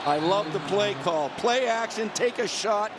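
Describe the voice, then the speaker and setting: Man, football color commentary, conversational, coach-like explaining, moderately high pitch, noticeable stadium noise. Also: measured pace, a crowd in the background. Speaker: color analyst. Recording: clear outdoor stadium noise behind voice.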